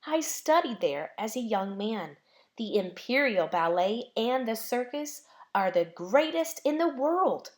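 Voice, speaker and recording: A woman plays a seasoned male high-wire performer in a storybook, a patient, earnest teacher who speaks in instructive declarations. She sounds proud and very animated, her pace a little slow.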